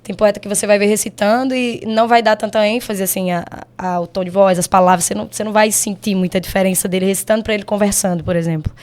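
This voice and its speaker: A woman poet with a Brazilian Portuguese accent, a guest in a casual podcast conversation, speaking reflectively and often laughing softly. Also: medium pitch, fairly even intonation, fast, hardly any pauses. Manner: reflective, with frequent soft laughs.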